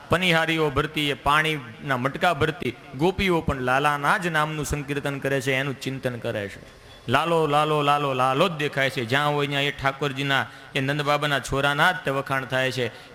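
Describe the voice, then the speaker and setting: Casting: a male devotional storyteller, folksy and lively, with a bright, forceful tone. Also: medium pitch. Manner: lively, folksy, acts out voices. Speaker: religious storyteller.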